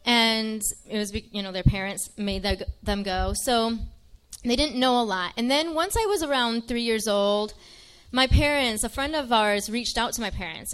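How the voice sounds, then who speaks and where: A woman's voice: on the high side, fairly bright tone, smooth. A young woman from Michigan giving an earnest, chatty personal faith testimony to an audience, with frequent ums.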